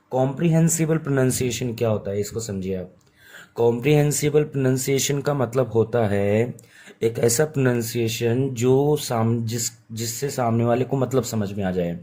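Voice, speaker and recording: Sick male teacher going over exam points, slow english readouts, mellow dark voice. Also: mid-range voice. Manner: repeats key points, reads English lines slowly. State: unwell, voice sounds off. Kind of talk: Hindi lecture explaining English terms.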